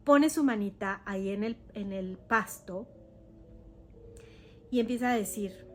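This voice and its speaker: A woman with a Mexican accent telling her own ghost stories to listeners, chatty and hesitant, slowing down for suspense. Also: medium pitch, darkish tone, faint music behind. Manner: conversational, hesitant fillers, slows for suspense. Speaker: podcast host. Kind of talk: personal ghost-story telling.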